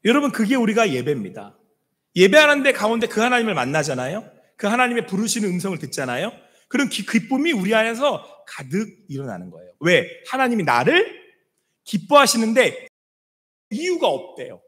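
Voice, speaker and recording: Middle-aged guy pastor preaching hard, high voice that swings all over, bit husky. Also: huge pitch swings, fairly quick. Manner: impassioned preaching, dropping to soft hushed quotes of God. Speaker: senior pastor. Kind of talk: sermon. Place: church sanctuary. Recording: long church-hall reverb.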